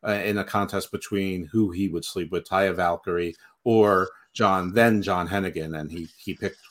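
A man co-hosting a wrestling podcast over an online call, tossing in quick crude wisecracks. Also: low-pitched, steady tone. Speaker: podcast co-host. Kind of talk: casual chat.

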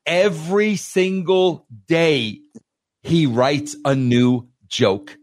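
A man's voice: a little high, drawn-out words, no room sound. A man hosting a talk show, telling stories animatedly and often saying "bro". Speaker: podcast host. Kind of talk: casual excited chat.

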